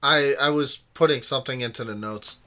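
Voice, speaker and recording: A man's voice: mid-range voice, fairly quick, bright, forceful tone. A man playing in a tabletop game, speaking hesitantly. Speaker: player. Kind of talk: casual tabletop play.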